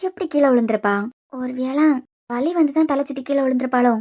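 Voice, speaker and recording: A woman voicing a sharp-tongued middle-aged mother-in-law who scolds and complains, in a Kanyakumari Tamil accent. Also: high-pitched, fast. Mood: worried brooding.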